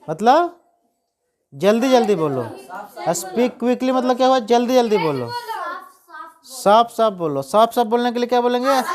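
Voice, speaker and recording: A woman teaching spoken English to children with an Indian accent, slowly repeating each English phrase after explaining it in Hindi. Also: a little high. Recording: loud crowd and noise behind.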